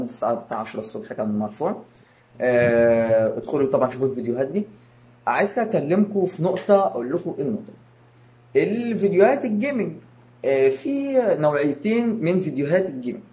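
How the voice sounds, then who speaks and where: Brief: Egyptian YouTuber, male, quick and rambling casual update, lots of fillers. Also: mid-range voice, darkish tone. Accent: Egyptian Arabic. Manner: rambling, many fillers and restarts. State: tired. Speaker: YouTube channel host. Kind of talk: casual channel update to viewers.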